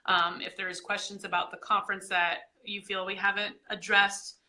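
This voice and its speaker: A woman's voice: mid-range voice, little pitch movement, normal speed, bright, forceful tone. A woman hosting an online interview, friendly and casual, with lots of "um" fillers over a video call.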